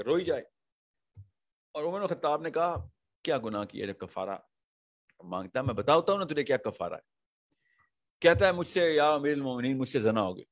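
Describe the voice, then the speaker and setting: Religious lecturer, man, a touch high-voiced, animated storyteller who keeps asking the room questions. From Pakistan. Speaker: religious speaker.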